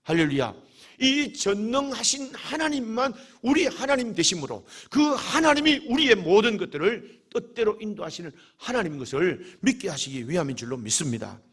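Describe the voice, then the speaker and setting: Husky high-voiced male preacher. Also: animated, normal speed, few pauses, fairly bright tone. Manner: fervent preaching with dramatic rhetorical questions and acted-out quotes. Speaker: pastor. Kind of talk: sermon.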